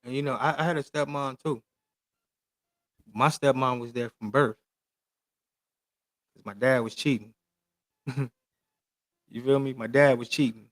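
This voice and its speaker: A man's voice: medium pitch, steady tone, a little slow, long pauses, fairly bright tone, no echo. A man in his late thirties in casual podcast chat, talking in loose, slangy, emphatic stories. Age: 30s. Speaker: podcast host.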